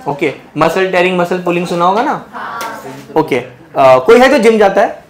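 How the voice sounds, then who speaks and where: A man's voice: high voice, very animated, normal speed. Playful male biology teacher in class. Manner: playful, teasing, mixes English terms into Hindi. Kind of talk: joking classroom lecture. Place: classroom with students. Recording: noisy classroom crowd.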